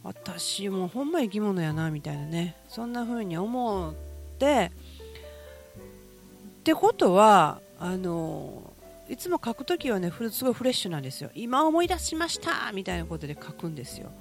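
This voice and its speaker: Musing Kansai-accented woman, lively pitch. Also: soft background music. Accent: Kansai Japanese. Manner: musing, self-deprecating, drawn-out fillers. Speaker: podcast host. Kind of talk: casual solo morning talk.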